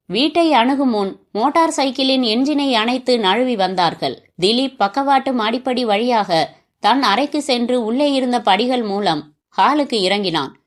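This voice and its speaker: Higher-voiced woman reading a crime story. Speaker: audiobook narrator. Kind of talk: scripted narration of a crime novel.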